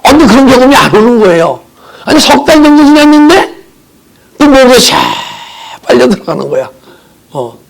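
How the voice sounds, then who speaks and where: Brief: high, lively, gravelly male preacher, impassioned testimony from the pulpit. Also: moderate pace, pauses often. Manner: impassioned, vivid sound words, swings from soft to crying out. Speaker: pastor. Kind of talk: emotional sermon testimony. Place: church sanctuary.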